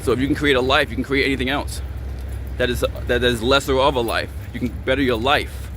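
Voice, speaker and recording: A man's voice: medium pitch, steady tone, fast talker, a bit bright, slight background noise. A man giving a blunt, confrontational motivational rant as a vlogger, hammering the same points over and over in a preachy way.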